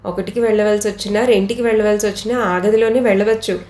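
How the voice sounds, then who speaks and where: Woman doing a kind older passenger guy, slow n reassuring, echoey room. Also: medium pitch, steady tone, darkish tone, lightly acted. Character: kindly older male fellow passenger, reassuring.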